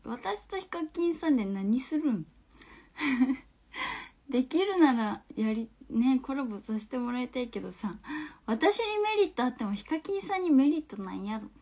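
A woman in her twenties with a Hakata dialect, chatting casually on a phone livestream as she reads out viewer comments, laughing often and dropping into soft murmurs. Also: high-pitched, lively intonation, moderate pace. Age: 20s. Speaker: livestream host.

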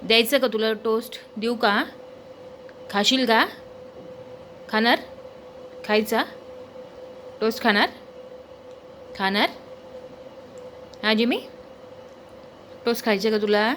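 Woman pet owner, slightly high voice, slow teasing coax, casual chat to her dog. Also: fairly even intonation, fairly bright tone, a little hiss or hum. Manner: coaxing, teasing, repeats questions.

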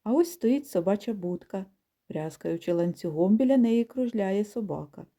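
Very mellow woman reading a storybook. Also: medium pitch, lively intonation, moderate pace. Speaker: audiobook reader. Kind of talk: storybook narration.

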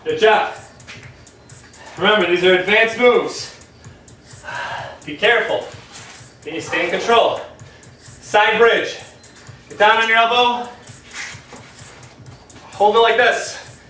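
Breathless, bright-voiced fitness coach man. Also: high voice, slow, pauses often. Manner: energetic, encouraging, counting out moves. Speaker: fitness instructor. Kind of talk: coaching a home workout. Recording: echoey room from far off, music behind.

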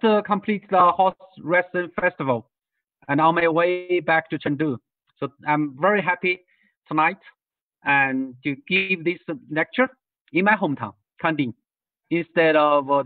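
Guest speaking on birding tours over a video call, a Tibetan man talks at a moderate pace in a voice on the high side. He is hesitant, often using fillers and restarting, and the tinny audio has no echo, picked up from a distant mic.

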